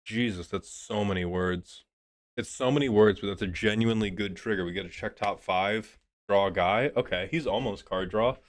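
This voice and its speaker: A man giving a casual, joking review of a card deck, a bit sick and clearing his throat, swearing as he thinks aloud. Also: fairly low pitch, moderate pace. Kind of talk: casual commentary.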